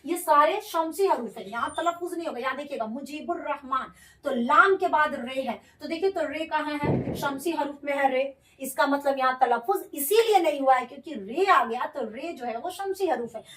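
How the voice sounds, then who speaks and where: Female tutor, high register, patient and repetitive explainer; recorded off-mic in an echoey room. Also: lively intonation, moderate pace, a bit bright, distant mic. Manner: explains patiently, repeats terms, asks and answers her own questions. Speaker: Urdu grammar teacher. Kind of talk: classroom-style grammar lesson.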